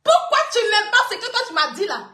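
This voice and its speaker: A woman from West Africa mocks a rival to her viewers with a high, piercing voice, laughing between each jab and repeating her lines for effect. Her tone is bright and cutting, and the room around her rings with echo. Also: sing-song, brisk. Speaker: online personality doing a live clash. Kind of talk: taunting monologue to viewers.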